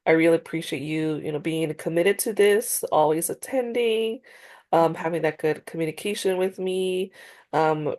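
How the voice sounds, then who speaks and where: During a role-played therapy practice over a video call, a woman in the counselor role talks at normal speed in a deep, darkish voice. Her delivery is hesitant, congested and slightly nasal, with frequent fillers and restarts.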